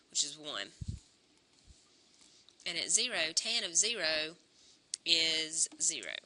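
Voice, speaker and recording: A woman teaching a calculus lesson, slightly hoarse and clearing her throat, talking through each step aloud and correcting herself as she goes. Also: deep voice, bright, forceful tone, slight background noise. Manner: talks through steps aloud, self-correcting. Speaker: math teacher.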